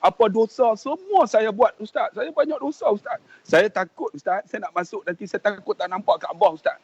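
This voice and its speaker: A man's voice: sits high, lively intonation, fairly quick, husky, no room sound, exaggerated voice. A Malaysian preacher voicing a middle-aged male ex-gangster in his fifties, pleading and choked with emotion. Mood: fearful. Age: 50s. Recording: dull lo-fi, dry sound.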